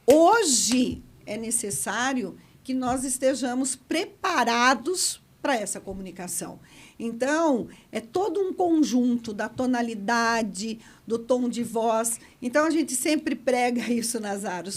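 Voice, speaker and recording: Expressive middle-aged woman with a high voice. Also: measured pace. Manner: expressive, gestures a lot while talking. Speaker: podcast host and public speaking teacher. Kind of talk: casual podcast chat.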